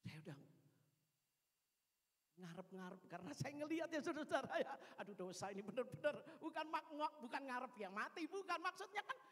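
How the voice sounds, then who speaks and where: A woman preaching a sermon in a church, telling a story animatedly and acting out the dialogue with sudden loud exclamations. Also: high voice, very animated, a little fast. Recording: reverberant church hall.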